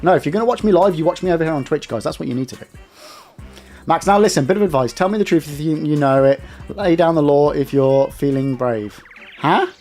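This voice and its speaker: A young man chats away on a live stream, rambling and calling out to his viewers. His voice sits a little higher than most men's. Soft music plays faintly behind him. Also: lively intonation, a little fast. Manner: chatty, rambling, addresses chat directly. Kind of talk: casual live-stream chat.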